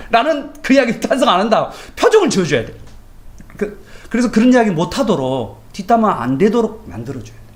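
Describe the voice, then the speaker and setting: A male pastor giving a morning devotion sermon in a colloquial, anecdotal way, often asking his listeners rhetorical questions. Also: high voice. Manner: animated, colloquial, tells everyday anecdotes; asks the congregation rhetorical questions.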